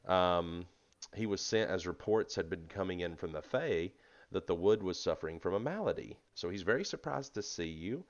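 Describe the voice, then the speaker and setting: A man with a very low voice narrates as game master of a tabletop fantasy game. He is relaxed and chatty, with plenty of fillers. The recording is slightly dull and lo-fi. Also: moderate pace.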